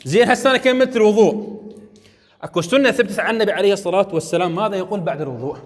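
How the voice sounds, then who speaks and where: This Iraqi-accented teacher speaks high and fast, his words trailing off into a long reverb. Standing in a mosque's ablution area, he walks his students through a practical religious lesson step by step, gently coaxing and repeatedly making sure they're following.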